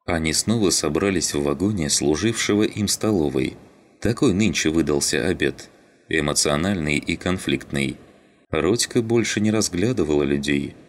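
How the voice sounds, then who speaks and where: A man narrating an audiobook with an exceptionally deep, low voice. His delivery is steady and measured, carrying the story along calmly. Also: slight background noise.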